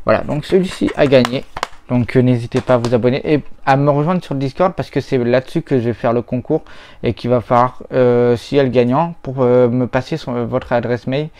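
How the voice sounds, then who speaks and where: A man talking casually about old console games as he tests them, rambling and hesitant, often pausing on little filler words. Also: medium pitch, fairly even intonation, darkish tone. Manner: rambling, hesitant, full of "voilà" and "hop". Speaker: retro gaming YouTuber. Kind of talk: casual chat while testing games.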